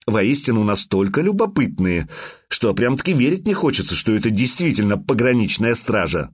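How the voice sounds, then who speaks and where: A man voicing a calm male witcher who speaks in a cool, measured, ironic tone. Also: on the low side, breathy edge, no room sound, clean studio sound.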